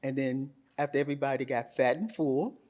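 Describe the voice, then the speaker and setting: A middle-aged woman, an interview guest, telling her story in a candid, animated way and quoting herself with emphasis. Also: a bass voice, brisk.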